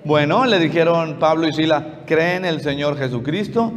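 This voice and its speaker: A man's voice: on the high side, normal speed, in a large hall, muffled recording. A man preaching a sermon as pastor, telling stories and acting out conversations with a neighbor. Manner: storytelling, acting out dialogue with a neighbor.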